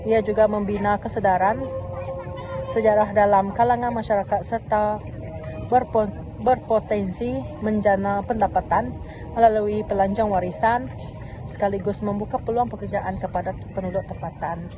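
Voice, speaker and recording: A young woman student reading a report aloud, steady and careful, with small restarts. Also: medium pitch, normal speed. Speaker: student presenter. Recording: noisy recording.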